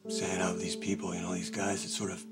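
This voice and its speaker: An actor playing a brooding, guarded man in a TV soap, speaking in a halting, understated, serious way. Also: deep voice, completely flat delivery, loud music behind the voice, lightly acted. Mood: somber, confiding. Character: brooding, guarded man carrying an old grudge. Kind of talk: naturalistic TV soap drama acting.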